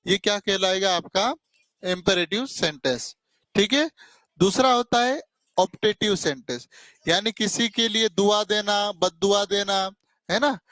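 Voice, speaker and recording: A man's voice: sits high, a little slow, bright, forceful tone, dry recording. A male teacher giving a classroom grammar lesson, keeping his students engaged with frequent short tag questions and calling them "beta" affectionately. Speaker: English teacher.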